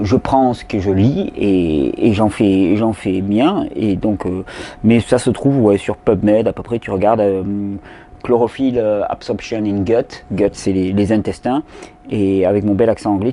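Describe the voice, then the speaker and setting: A man's voice: on the low side, normal speed, warm tone. A man hosting a casual question-and-answer session, talking loosely with many fillers and repeated words. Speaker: host answering viewer questions. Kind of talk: casual spoken Q&A.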